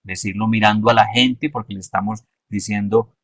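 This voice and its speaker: A man giving a measured, explanatory lesson and stressing his key points. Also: on the low side, steady tone, a bit bright, dry recording. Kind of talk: instructional talk.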